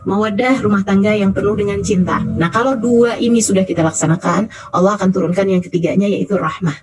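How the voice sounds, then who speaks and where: A woman giving a casual religious talk to women, chatty and lively, acting out the voices in her stories. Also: mid-range voice, brisk, poor audio. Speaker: religious speaker addressing women.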